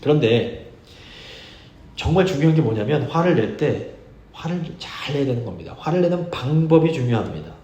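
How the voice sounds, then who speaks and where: A male pastor giving a sermon, earnest and measured, reading scripture slowly for emphasis. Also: mid-range voice, very animated, warm tone, echoey room. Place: church sanctuary.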